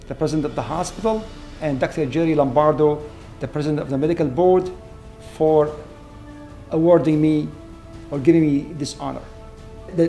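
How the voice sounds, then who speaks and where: A man, a surgeon speaking in an earnest, measured way in an interview. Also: fairly high pitch. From Syria. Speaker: award-winning trauma surgeon. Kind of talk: reflective interview. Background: soft background music.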